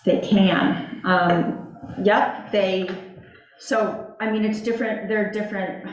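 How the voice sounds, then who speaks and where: A woman's voice: mid-range voice, steady tone, takes it slowly, lo-fi sound. Woman explaining, echoey meeting room. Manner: explains step by step with many fillers. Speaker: commission member. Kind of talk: casual meeting discussion.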